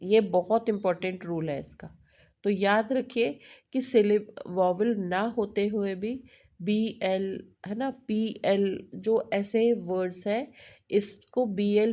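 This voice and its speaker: Her voice mellow and mid-range, a middle-aged woman gives an English lesson that blends Hindi with English. She keeps checking in with whoever is listening and self-corrects often.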